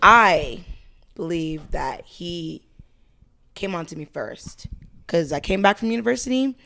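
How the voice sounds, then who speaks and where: A woman's voice: on the low side, lively intonation, measured pace, gravelly, pushed and bright. Easygoing woman of twenty-seven. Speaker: guest. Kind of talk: casual chat.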